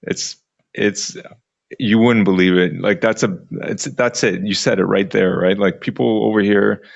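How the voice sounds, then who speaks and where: A man's voice: lowish voice, fairly even intonation, measured pace, gravelly, no echo, muffled recording. A man being interviewed as a DJ guest, talking in a friendly way and often repeating words as he starts a sentence. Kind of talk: casual live interview. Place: Hong Kong.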